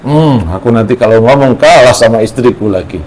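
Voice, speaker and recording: Man voicing a stubborn old folk-tale trickster, smug and slow, mid pitch. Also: darkish tone, slight background noise, close to an everyday voice, rough recording.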